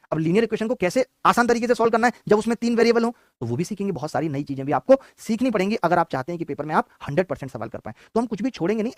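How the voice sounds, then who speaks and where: Man, math teacher, live online class, very fast, high-pitched, urging, close dry mic. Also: no echo. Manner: rapid, exhortative lecturing.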